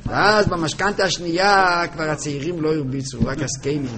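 A man telling a story to a group at a gathering, halting and often repeating and restarting his words. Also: a little high, steady tone, background noise. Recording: crowd chatter behind voice.

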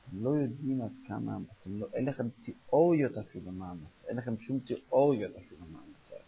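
A man's voice: medium pitch, animated, vocal fry. An older man talking informally as a rabbi, emphatic, repeating phrases for weight. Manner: emphatic, repeats phrases, mixes in Yiddish-style German. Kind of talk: informal talk to listeners. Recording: dull, lo-fi recording.

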